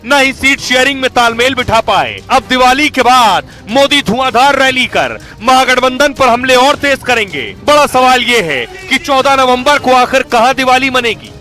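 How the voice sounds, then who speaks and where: A man narrating a television news report as anchor, with a brisk, punchy broadcast delivery. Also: very high-pitched, animated, bright, forceful tone, faint music behind.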